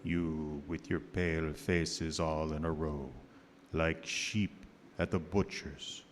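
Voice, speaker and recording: An actor playing a menacing, taunting vampire count in a grandiose, threatening manner for a radio horror play. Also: male voice, rumbling low, steady tone, takes it slowly. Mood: taunting, triumphant. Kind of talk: live radio horror drama acting. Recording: long hall reverb, faint noise.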